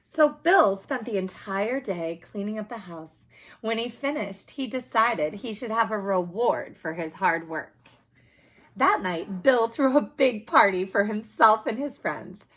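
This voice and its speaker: Reading from a children's picture book, this woman tells the story in an expressive, emphatic way. Her voice is slightly husky and medium in pitch, and she takes her time.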